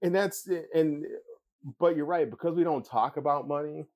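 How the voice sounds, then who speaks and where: A man's voice: on the high side, normal speed, a little mellow. A man hosting a podcast, easygoing and plain-spoken as he tells a personal story and asks questions. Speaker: podcast host. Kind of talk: casual interview chat.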